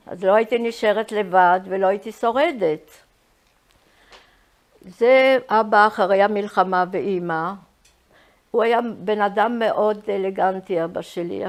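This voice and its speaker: An elderly woman tells stories from her own life. She pauses and restarts as she searches for the next word, speaking at a middle pitch for a woman. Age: 80s. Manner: halting, searching for words. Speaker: Holocaust survivor giving testimony. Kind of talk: personal reminiscence, storytelling.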